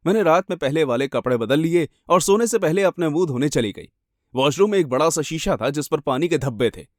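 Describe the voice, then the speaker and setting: A man's voice: a little high, lively intonation, brisk, darkish tone, no echo. Man narrating horror in a dry studio. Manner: dramatic, suspenseful. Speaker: storyteller. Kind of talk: scripted horror narration in first person.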